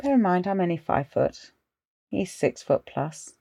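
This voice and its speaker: A middle-aged woman hosting a podcast and casually telling her own ghost story, animated but dropping to hushed tones for suspense. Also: lowish voice, measured pace, creaky, husky, dry recording. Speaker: podcast host.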